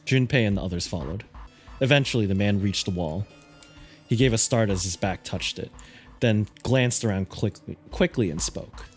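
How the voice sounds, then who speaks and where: A man reading scripted narration aloud as the narrator of a game playthrough. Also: on the low side. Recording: music behind the voice.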